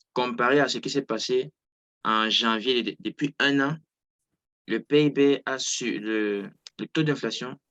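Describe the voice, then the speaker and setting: Over a video call, a man hosting a trading coaching session explains hesitantly and casually, with many fillers and restarts. His voice is medium-pitched and fairly bright, and the recording has its highs cut off.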